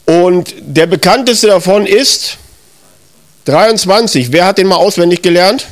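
Middle-aged male preacher, slightly high voice, chatty sermon style, asks the congregation questions. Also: unhurried. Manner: conversational, addresses listeners directly, with self-corrections. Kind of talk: sermon with Bible reading.

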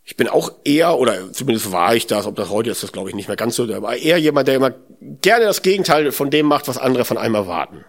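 A man's voice: mid-range voice, expressive, fast. Reflective man musing aloud. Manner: conversational, often adds tag "ne?"; muses aloud, asks rhetorical questions. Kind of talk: reflective spoken sermon.

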